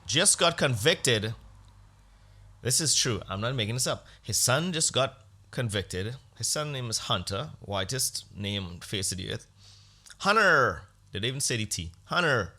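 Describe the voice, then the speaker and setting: A man with a bright, forceful, mid-range voice hosts a podcast. In a casual, opinionated monologue he rants bluntly and sarcastically, swearing freely.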